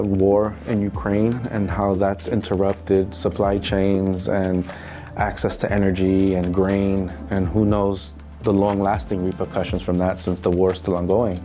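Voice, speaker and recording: A New York City man with a New York accent appears as an interview guest, a specialist in financial crime. His warm voice sits on the low side, and he answers casually and hesitantly, full of fillers and restarts.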